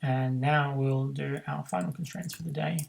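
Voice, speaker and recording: Casting: male coding tutor, heavy vocal fry, halting think-aloud delivery, faint noise and keyboard clicks behind. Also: medium pitch, steady tone, low-quality recording. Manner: thinks aloud with frequent ums and self-corrections. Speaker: programming tutor. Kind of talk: screen-recorded coding tutorial.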